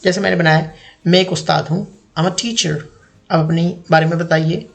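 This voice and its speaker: A man in his thirties, an English teacher, giving a slide-based lesson voice-over and saying each example sentence twice in a deliberate way. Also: fairly high pitch, steady tone, vocal fry. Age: 30s.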